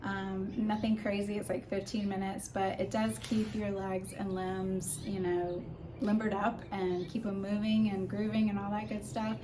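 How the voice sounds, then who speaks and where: A woman talks in a casual, explanatory way, like a vlogger sharing advice with viewers. Her voice sits at an average pitch, and there is clear noise behind her. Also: level tone, a little slow. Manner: conversational, informal, explanatory. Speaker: vlogger giving a personal recovery update. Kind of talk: casual chat to camera with practical tips.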